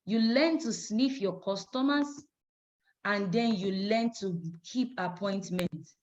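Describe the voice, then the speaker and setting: A woman's voice: medium pitch, slow pace. A woman with a Nigerian English accent giving a motivational sales training talk, emphatic and preachy, acting out phone calls as she teaches. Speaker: business trainer. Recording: dull lo-fi recording.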